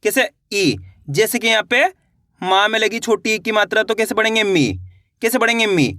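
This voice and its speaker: High bright-voiced male teacher. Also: moderate pace, dry recording, clean studio sound. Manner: patient, repeats questions and answers. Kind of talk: beginner reading lesson.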